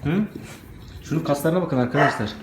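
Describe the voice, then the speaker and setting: A man vlogging casually and excitedly, cooing baby talk to puppies between remarks to his viewers. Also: a little high, a little fast. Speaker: vlogger showing dogs. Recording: echoey room with background noise.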